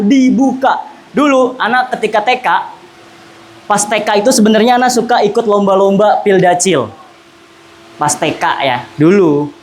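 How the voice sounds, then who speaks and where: Woman speaking trainer, Indonesian accent, mid-pitched, patient classroom coaching, slight background noise. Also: a little mellow. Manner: coaching, demonstrates example phrases and has the class repeat. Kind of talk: classroom lesson on articulation and intonation.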